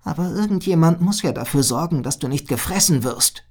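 A woman voicing a playful, bold young girl in a children's adventure story, in a high, lively voice. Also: fairly quick.

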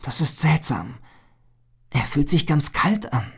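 A cautious young male animal, thoughtful and wary, as a male storyteller puts him on. He speaks quietly and slowly, at times nearly whispering, in a breathy tone. It sounds like a storybook read aloud. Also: medium pitch. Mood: puzzled. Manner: quiet, half-whispered worry. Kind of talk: storybook reading.

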